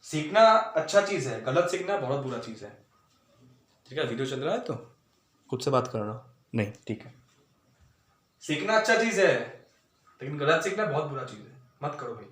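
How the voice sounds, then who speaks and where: A man teaching math in a lively lecture, talking straight to his students and mixing in English. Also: medium pitch, normal speed, long pauses, far from the mic. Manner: animated, talks straight to students, mixes Hindi and English. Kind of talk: lecture explaining at a board. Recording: very echoey room, voice from off the mic.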